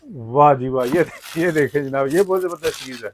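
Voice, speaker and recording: A man's voice: mid-range voice, normal speed, a little hiss or hum, rough recording. A Pakistani man vlogging a tour of a shop in the market, enthusiastic and polite, often calling his viewers "sir". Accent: Pakistani Urdu. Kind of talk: casual walk-through vlog.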